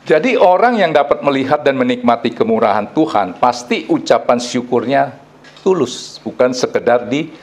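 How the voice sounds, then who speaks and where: A middle-aged male pastor, preaching a sermon in a lively, storytelling way full of casual slang. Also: mid-range voice, normal speed.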